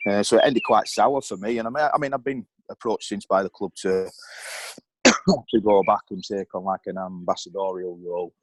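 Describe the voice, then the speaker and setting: Deep-voiced man telling candid stories. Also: moderate pace, dry recording, rough recording. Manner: rambling, frequent ums and you knows. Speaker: guest, former footballer and club board member. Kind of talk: candid podcast storytelling.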